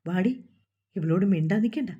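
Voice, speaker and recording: A harsh, scolding middle-aged father, voiced by a woman reading a story. The tone is dark and husky, and the recording sounds dull and lo-fi. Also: on the low side, moderate pace. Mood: curt. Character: angry middle-aged father disowning his daughter.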